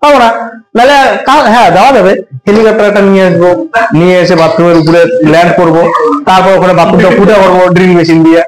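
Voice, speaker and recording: A man teaches a computer class in a very high voice, chatting casually and firing questions at the students. His voice bounces around an echoey room. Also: racing. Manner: colloquial, asks students questions often. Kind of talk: classroom lesson with everyday examples.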